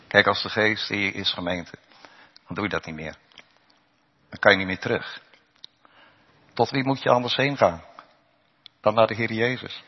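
A low-pitched man delivers a sermon in a slow, deliberate cadence, swinging from loud raised preaching to hushed, quiet passages. The recording is dull and lo-fi, with the long reverb of a church. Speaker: pastor.

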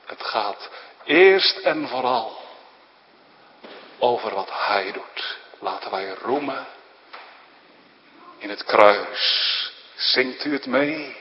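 Man, pastor, slow pleading sermon, long church reverb, dull lo-fi sound. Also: mid-range voice, lively intonation, slight background noise. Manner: impassioned pleading, swelling loud then dropping to near whisper. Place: large church.

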